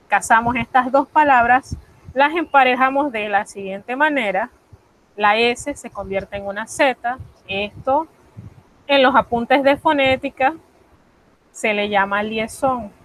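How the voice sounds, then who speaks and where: Woman teacher explaining slow and patient, asks herself questions then answers, kinda high voice. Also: fairly bright tone, poor audio. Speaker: French teacher. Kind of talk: recorded online class lesson.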